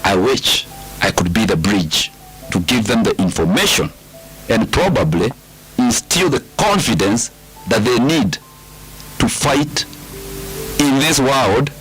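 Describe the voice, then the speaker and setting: A man's voice: medium pitch, animated, takes it slowly, long pauses, a bit bright, slightly rough, soft background music, low-quality recording. A middle-aged man from Kenya with a Kikuyu Kenyan accent, talking casually and emphatically as an interview guest, like a storyteller. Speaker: guest, comedian.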